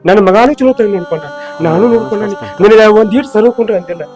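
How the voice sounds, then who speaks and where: A man's voice: high voice, racing, a little mellow, faint music behind, lightly acted. A man playing a stern old village patriarch. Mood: angry scolding. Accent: North Karnataka Kannada. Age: older. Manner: scolding then forgiving, preachy. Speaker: father-in-law in a village skit. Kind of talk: village comedy-drama acting.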